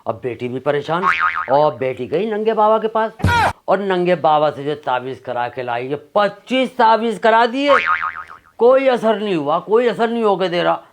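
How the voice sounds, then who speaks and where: A man's voice: lively intonation, moderate pace, noisy background. A man with a Haryanvi accent, doing comic sketch monologue as Jamila, a gossiping, scolding middle-aged housewife. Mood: gossipy. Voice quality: high-pitched, scolding, chatty. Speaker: comedian playing Jamila Aapa. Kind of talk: sketch comedy monologue in a put-on woman's voice. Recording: loud background music.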